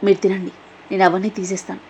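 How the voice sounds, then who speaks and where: A woman voicing a kind housemaid who asks gentle, concerned questions. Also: mid-range voice, little pitch movement, quick pace, slight background noise, natural voice. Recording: dull lo-fi recording.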